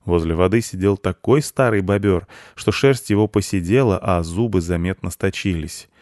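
A man narrating a children's storybook in an even, expressive reading. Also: low-pitched, normal speed, no room sound, studio quality.

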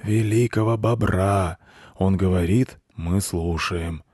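A man's voice: sits low, a little mellow, breathy edge, no echo, clean studio sound, full character voice. Man doing a pompous old beaver. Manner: slow, solemn and self-important. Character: very old grey male beaver, pompous zealot.

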